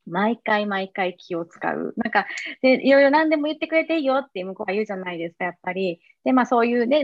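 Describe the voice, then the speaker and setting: A woman's voice: medium pitch, no echo, dull audio. A woman co-hosting a casual podcast chat, talking about herself in a self-deprecating way. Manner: self-deprecating, frequent back-channel nods. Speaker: podcast co-host.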